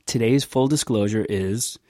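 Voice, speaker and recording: A man hosting a casual podcast, talking in a relaxed, enthusiastic way. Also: lowish voice, measured pace, dry recording, clean studio sound. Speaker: podcast host.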